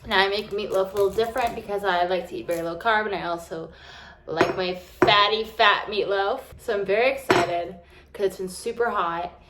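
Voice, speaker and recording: At home in her kitchen, a woman vlogger chats casually while she cooks, rambling along with plenty of fillers. Her voice is medium-pitched and fast, and she's teary from chopping onions. There's heavy noise in the background.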